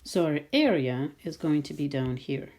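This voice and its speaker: A woman's voice: deep voice, lively intonation, background noise. A woman math teacher talking patiently through a screen-recorded lesson, thinking aloud as she draws. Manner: slow, patient, thinking aloud while drawing.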